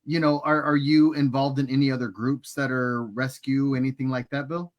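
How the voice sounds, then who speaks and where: A man's voice: medium pitch, flat delivery, moderate pace. A man hosting a podcast interview, eager and repeating his questions. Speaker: podcast host. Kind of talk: casual interview.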